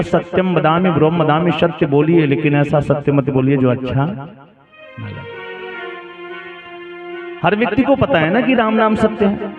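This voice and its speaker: A man giving a devotional sermon, storytelling and asking the audience rhetorical questions. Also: a little high. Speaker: katha preacher. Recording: echoey hall, phone-like lo-fi sound with music. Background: instrumental music.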